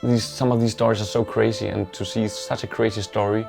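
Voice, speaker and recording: With music in the background, a man from Denmark reflects on stories in a Danish accent. His low, gravelly voice carries heavy fry, and his delivery stays level, unvaried and halting, like a relaxed interview.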